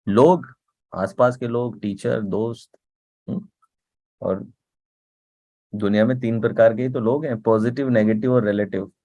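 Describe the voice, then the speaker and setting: Speaking in a mid-range, darkish voice, a man delivers a motivational talk in a conversational style. He keeps asking "ठीक है?" and "right?" to check in with his listener, and he repeats words to drive points home.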